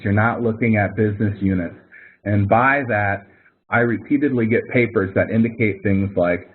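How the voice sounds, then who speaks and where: Speaking in a mid-range, slightly rough voice, a man teaches an informal webinar over a narrow-band online call that sounds tinny. His style is conversational and self-correcting, with examples explained step by step.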